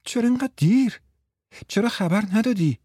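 A man's voice: high voice, lively intonation, dark tone, slightly rough, no room sound, clean studio sound, voice pushed up. A man voicing an agitated young wife who swings between mocking teasing and anxious pleading, read in a storybook.

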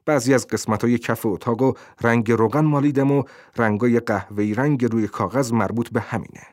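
A man's voice: medium pitch, a little mellow, no echo, clean studio sound, lightly acted. A man voicing a suspicious old landlady who needles and pries in a falsely sweet way, in a storybook reading. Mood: defensive.

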